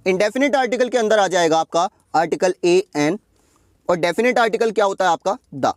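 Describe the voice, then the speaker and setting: A man's voice: sits high, a little fast, no room sound, clean studio sound. A man teaching an exam-prep grammar lesson, explaining step by step and asking rhetorical questions.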